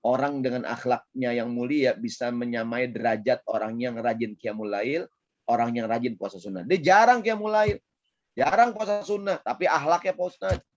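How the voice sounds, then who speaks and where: A man preaching a casual sermon in a Jakarta Betawi accent, lively and playful, often checking in with his audience. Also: mid-range voice, moderate pace, dry recording, dull audio. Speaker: Islamic preacher. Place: online session.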